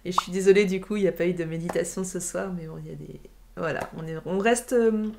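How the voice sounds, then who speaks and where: A woman in her late 30s co-hosts a casual live stream, talking fast as she chats and reacts to viewer messages. Her voice sits on the low side and is creaky and a bit mellow. Recorded on a webcam livestream, it carries slight background noise.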